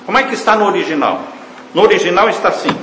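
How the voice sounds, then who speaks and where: A man preaching a sermon, leaning hard on key words, then dropping to a hushed, low voice, and calling the congregation his dear ones. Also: lively intonation, racing, a little hiss or hum. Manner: emphatic preaching, swings from loud stressed words to hushed low phrases. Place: church hall. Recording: echoey church hall, faint ambience.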